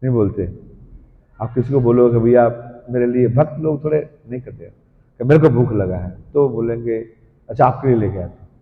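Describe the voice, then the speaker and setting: Man giving a lively devotional talk in an echoey hall. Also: medium pitch. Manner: animated storytelling, acting out quoted voices; reads English commentary slowly. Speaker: preacher. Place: temple hall. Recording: dull, hall-like echo.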